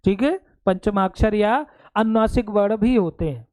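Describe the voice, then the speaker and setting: एक पुरुष हिंदी शिक्षक, जो परीक्षा की तैयारी के लिए कक्षा में समझाता है और बार-बार पूछता है कि बात समझ आई या नहीं।. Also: male voice, high voice, moderate pace, darkish tone. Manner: explains step by step, keeps checking understanding; addresses students fondly as "beta". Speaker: Hindi teacher. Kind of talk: exam-prep classroom lecture.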